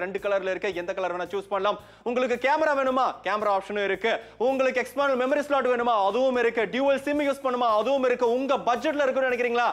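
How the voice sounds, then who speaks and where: A man with a Tamil accent presenting a teleshopping sales pitch, persuasive and full of rhetorical questions. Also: fairly bright tone. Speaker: TV shopping presenter.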